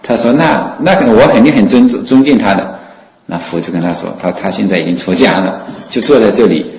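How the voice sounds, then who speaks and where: A man telling a story as a sermon, in an animated way full of fillers and exclamations. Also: on the low side, a little fast, gravelly, echoey room, long reverb tail, slight background noise, poor audio.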